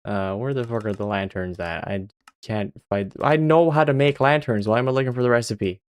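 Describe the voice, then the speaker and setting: A young man streams a game and chats to his viewers in a loose, joking way, cursing freely and chuckling at his own lines. His voice sits at an ordinary middle pitch. The sound is close and dry, with no room echo. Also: a little fast, smooth. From Sweden. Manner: swears a lot and laughs at his own jokes. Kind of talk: casual gaming stream chat.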